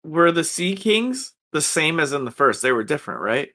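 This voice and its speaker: A man's voice: on the high side, very animated, normal speed, pushed and bright. A man co-hosting a podcast, chatting in a casual, upbeat way and laughing often. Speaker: podcast co-host. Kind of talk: casual chat.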